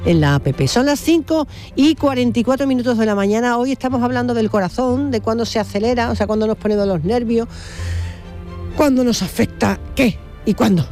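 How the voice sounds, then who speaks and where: A man hosting a live early-morning radio call-in show, chatty and quick with callers. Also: very high voice, a little mellow, faint music behind. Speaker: radio host.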